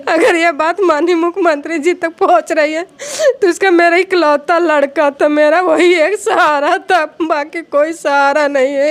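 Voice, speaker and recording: A middle-aged woman with a high-pitched voice speaks in urgent, distressed bursts. She is a grieving mother giving testimony to a reporter, her words pressing and pleading. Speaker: victim's mother. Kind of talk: interview testimony.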